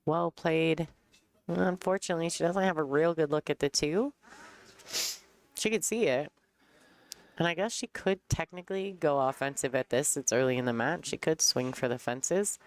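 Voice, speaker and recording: A woman giving casual commentary on a pool match, chatty and quick to laugh as she tells stories. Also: deep voice. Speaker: color commentator. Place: pool hall commentary booth.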